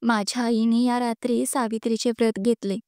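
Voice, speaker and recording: A woman storyteller reading a story aloud in an expressive, measured way. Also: on the high side, smooth, dry recording, clean studio sound. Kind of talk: storytelling narration.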